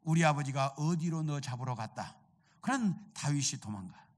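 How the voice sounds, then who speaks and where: A man's voice: on the high side, lively intonation, normal speed. A middle-aged man, senior pastor, preaching a sermon and telling the story with acted-out dialogue, asking questions and answering them himself. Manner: storytelling preacher who acts out the characters' quoted lines.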